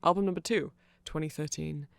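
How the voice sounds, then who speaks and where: At a fairly quick pace and in a steady tone, a man who makes ASMR content rambles through an explainer. His voice is gravelly, heavily fried, and slightly high for a male, and he nerdily wanders, self-corrects, and checks in. The recording is intimate and dry, with no echo.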